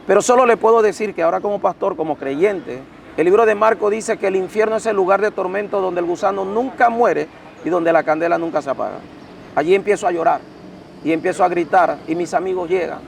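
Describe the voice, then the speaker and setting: A man's voice: sits high, brisk, gravelly, a little hiss or hum. A man, a pastor, telling a dramatic personal testimony to an interviewer, his voice swelling and dropping with emotion. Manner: intense, dramatic storytelling that swells and drops.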